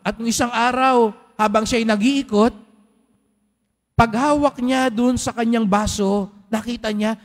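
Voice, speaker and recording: A man, a priest giving a Sunday homily, telling a story and talking with his congregation through rhetorical questions. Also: very high-pitched. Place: large church. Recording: long church hall reverb.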